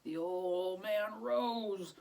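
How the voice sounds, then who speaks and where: Very slowly and with vocal fry, a mid-range-voiced woman reads a picture book aloud to children, speaking from a distance from the mic. She reads expressively, stopping to explain words and put questions to the listener.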